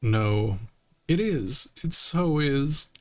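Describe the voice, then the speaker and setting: Slow-talking playful male streamer. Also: on the high side, animated. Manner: playful, laughing, mock-indignant. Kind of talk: game playthrough, reading dialogue aloud.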